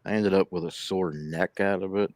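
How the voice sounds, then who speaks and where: Deep-voiced man with a slight lisp. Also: fairly even intonation, normal speed, darkish tone, no room sound. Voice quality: slight lisp from missing front teeth. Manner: rambling storyteller, mumbling around a cigar. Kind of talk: casual chat on a live stream. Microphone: laptop.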